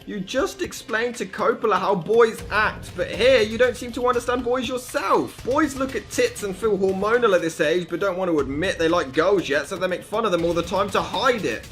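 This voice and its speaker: A man's voice: high-pitched, fairly bright tone. A man in his thirties giving sarcastic, profane comedic commentary.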